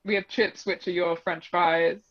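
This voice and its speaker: Speaking in a flat, unhurried way, a young woman with a fairly low pitch and an Australian-English accent chats as a guest in a casual interview. She's a double bass player and fills her talk with fillers and laughs. The dry recording is dull and slightly muffled.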